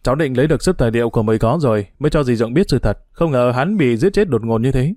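A man voicing a troubled young man in a storybook reading, answering in quick, tense lines. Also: medium pitch, expressive, warm tone, no room sound, studio quality, close to an everyday voice.

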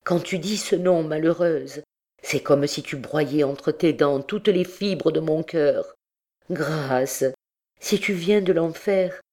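A woman's voice: sits low, mellow. A woman reading as a desperate lovesick priest. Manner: pleading, impassioned. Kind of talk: audiobook character reading.

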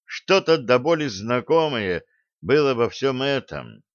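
A man narrating a science-fiction audiobook in an even, steady reading voice. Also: mid-range voice, a little slow, no echo. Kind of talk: scripted narration. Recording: dull lo-fi audio.

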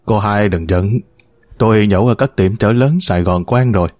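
A man's voice: on the low side, normal speed, darkish tone, no echo, lightly acted. A man voicing a sly, teasing grown man who jokes his way through a read-aloud story. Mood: joking. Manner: jokey, teasing. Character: sly, joking grown man, a returning lover.

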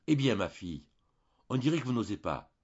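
A man voicing a good-natured country priest who gently coaxes and encourages a hesitant parishioner, read from a storybook. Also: mid-range voice, sing-song, brisk, slightly rough, highs cut off. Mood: coaxing. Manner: kindly, coaxing, briefly priestly.

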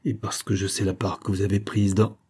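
A man voicing a young noble lady who speaks with calm, cold firmness, in an audiobook reading. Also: fairly low pitch, a little fast, slightly rough. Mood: cold firm.

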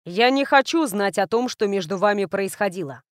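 A woman reading a calm, guarded young heir. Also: mid-range voice, normal speed, no echo, clean studio sound, lightly acted. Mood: cool, level. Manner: even, emotionless tone.

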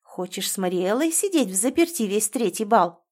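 A woman's voice: medium pitch, lively intonation, normal speed, darkish tone, natural voice. A woman voicing a domineering, scheming middle-aged stepmother who scolds and commands in a raised voice. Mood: commanding.

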